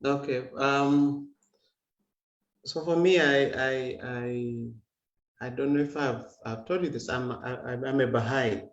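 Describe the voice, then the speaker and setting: A man's voice: mid-range voice, steady tone, slow. A man talking casually as a guest musician, stumbling and repeating words as he explains. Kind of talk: singing and casual talk over video call. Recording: echoey, dull lo-fi sound with guitar. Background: guitar music.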